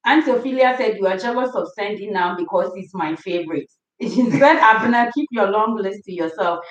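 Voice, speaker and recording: A woman hosting a family livestream, reading viewer comments aloud and laughing often in a warm, affectionate way. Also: medium pitch, fairly quick. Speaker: livestream host. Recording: roomy, distant, dull sound.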